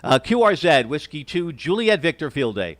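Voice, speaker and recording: A man's voice: fairly high pitch, sing-song, normal speed, fairly bright tone, dry recording. A courteous, hesitant man operating an amateur radio station, spelling out call signs in phonetics.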